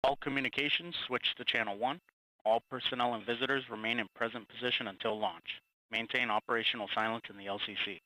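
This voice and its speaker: A man's voice: mid-range voice, steady tone, bright, forceful tone, dry recording, rough recording. A man giving clipped procedural callouts over a launch team radio channel. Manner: terse, procedural, rapid announcements. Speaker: launch team console operator.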